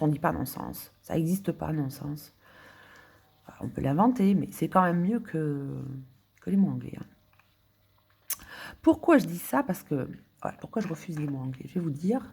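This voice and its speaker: A woman's voice: deep voice, vocal fry, dark tone, husky. A woman from France thinking aloud in a casual monologue, muttering and whispering to herself as she searches for words, with indignant outbursts. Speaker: vlogger.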